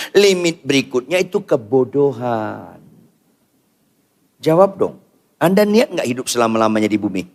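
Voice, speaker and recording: An older man preaching a sermon in church, firing rhetorical questions at the congregation and swinging from quiet asides to loud outbursts. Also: a little high. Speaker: pastor.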